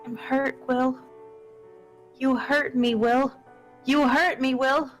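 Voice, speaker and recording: A woman reading the part of a wounded young woman who accuses her betrayer in a dramatic table-read, repeating her words in a slow, hollow way. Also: high-pitched, steady tone, faint music behind. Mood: hurt, accusing.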